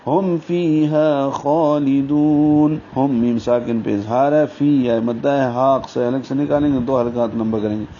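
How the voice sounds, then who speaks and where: A man teaching Quran recitation rules step by step, breaking into slow, drawn-out chanted recitation for each example. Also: mid-range voice, fairly even intonation, warm tone. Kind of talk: tajweed lesson with recited examples. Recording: dull lo-fi recording with faint hiss.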